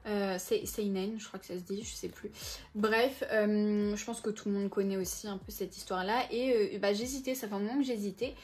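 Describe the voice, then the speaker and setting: A young woman in her twenties talks through her latest book haul in a loose, chatty way. She often stops to hesitate and corrects herself mid-sentence, and her pitch sits in an ordinary middle range. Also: fairly even intonation, brisk, darkish tone. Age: 20s. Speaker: book vlogger. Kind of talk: casual book haul chat.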